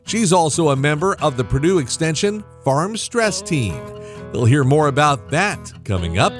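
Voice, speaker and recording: A man hosting a farm radio news show, reading his script in a steady announcer delivery. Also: fairly high pitch, normal speed, soft background music.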